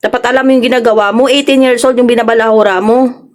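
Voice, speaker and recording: A Filipino woman vlogger delivers a casual reaction commentary with a voice pitched a little high. She scolds and confronts, firing off rhetorical questions one after another. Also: fairly even intonation, quick pace. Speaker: vlogger reacting to online drama.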